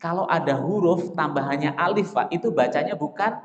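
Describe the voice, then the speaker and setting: Male mosque lecturer, questions the room then answers himself, slow recited examples; roomy hall echo, dull lo-fi sound. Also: fairly high pitch. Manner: asks the audience questions and answers them himself; addresses listeners as Pak, Bapak Ibu. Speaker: Islamic teacher. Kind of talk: dawn mosque study lecture.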